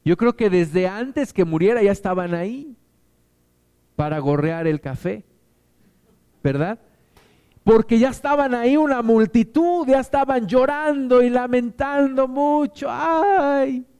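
A man's voice: very high-pitched, lively intonation, a little slow, dark tone, smooth. A man preaching a sermon as pastor, building emphasis through repeated lines. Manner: preaching with rising emphatic repetition.

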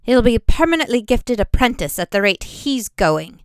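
A woman voicing a sharp-tongued, protective female mage master who snaps forcefully. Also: on the high side, very animated, normal speed, smooth, no room sound, studio quality, voice pushed up. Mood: snapping. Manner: snappish, forceful.

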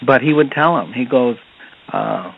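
A man's voice: mid-range voice, animated, a little slow, gravelly, breathy edge. A man as a podcast guest, telling anecdotes and retelling dialogue with many "he said"s. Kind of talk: storytelling anecdotes. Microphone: phone. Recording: tinny phone line.

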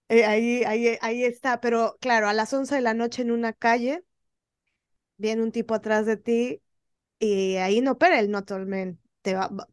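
A woman, a guest telling stories passionately and emphatically, often pausing with hesitations. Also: fairly high pitch, no echo, clean studio sound. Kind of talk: conversational storytelling.

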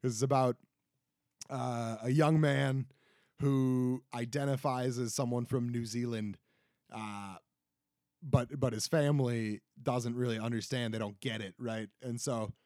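A young man rambles through a casual solo podcast, joking at his own expense and stumbling over restarts. His voice sits at an ordinary middle pitch. The sound is dry and close, with no room around it. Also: steady tone, measured pace, a little mellow, dry recording. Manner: rambling, self-deprecating, lots of fillers and restarts. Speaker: podcast host.

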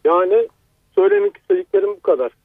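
A man's voice: high voice, huge pitch swings, vocal fry, no echo. Middle-aged man calling in by phone. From Turkey. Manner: halting, restarts mid-sentence. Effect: heard over a telephone line. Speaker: caller to a radio phone-in. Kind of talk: phone-in call telling a personal account. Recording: tinny phone line.

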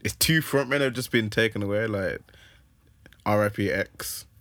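A man's voice: on the low side, moderate pace, a bit bright, no echo. A man with a London roadman accent and slang, talking in casual podcast banter.

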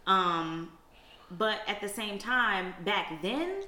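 A woman co-hosting a candid couple chat, an animated storyteller who talks straight to her listeners. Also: mid-range voice, very slow, echoey room, slight background noise. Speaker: co-host.

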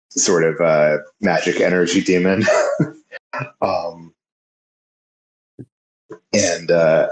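Deep-voiced man in an echoey room. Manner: hesitant, searching for words. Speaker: podcast panelist. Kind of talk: casual book discussion.

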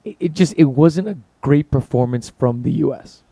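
A man hosting a sports podcast in casual, joking banter, his voice hoarse and worn out from yelling. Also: mid-range voice, moderate pace, no room sound.

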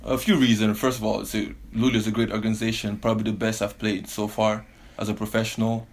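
Relaxed low-voiced man laughing easily. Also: fast. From Belgium and Canada. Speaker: professional basketball player, guest. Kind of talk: casual interview.

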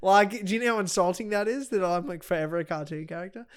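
An Australian man co-hosting a casual banter podcast, self-mocking and animated, breaking into loud joking outbursts. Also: high-pitched, fast talker, smooth. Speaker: podcast co-host.

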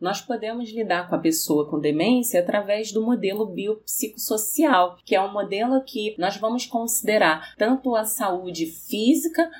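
Female psychologist, breathy husky tone, careful explanatory interview answers. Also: mid-range voice, lively intonation, normal speed, hardly any pauses, darkish tone. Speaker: psychologist and researcher.

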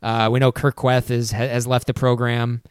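A man co-hosting a casual sports podcast, halting with many restarts. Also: mid-range voice, flat delivery, clear, resonant tone, no echo, clean studio sound. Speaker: podcast co-host.

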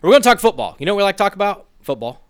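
A man's voice: high voice, sing-song, racing, smooth, no echo, clean studio sound. A man co-hosting a sports podcast, talking in a chatty, rambling, joking way. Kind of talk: casual sports chat.

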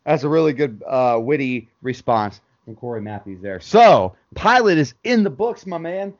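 A man co-hosting a casual podcast chat about a sitcom episode, relaxed and laughing often, calling his friend "man" and "dude". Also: medium pitch, normal speed, no echo, dull audio. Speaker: podcast co-host.

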